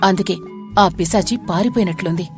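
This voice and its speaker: Woman doing a brisk, scolding young woman. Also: medium pitch, over music, lightly acted.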